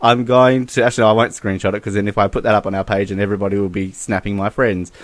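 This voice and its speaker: A young man co-hosting a podcast in casual chat, animated and laughing, full of fillers. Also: lowish voice, fast, no echo. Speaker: podcast co-host.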